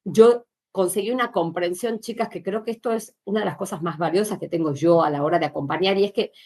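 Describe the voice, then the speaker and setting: Chatty lower-voiced woman. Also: fast, a little mellow. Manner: candid, chatty, addresses listeners directly, frequent filler sounds. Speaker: pelvic floor specialist. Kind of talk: informal workshop talk.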